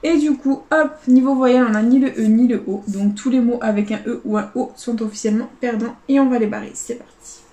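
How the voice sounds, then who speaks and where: A woman casually commenting as she scratches lottery tickets, calling out letters and numbers one by one, often quietly. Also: fairly high pitch, a little fast, few pauses, reverberant.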